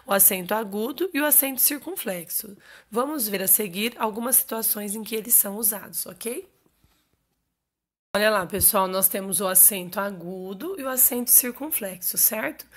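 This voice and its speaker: Woman, teacher, recorded lesson, clear explanatory delivery, frequent check-ins. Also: medium pitch, normal speed. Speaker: Portuguese teacher. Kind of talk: recorded online grammar lesson.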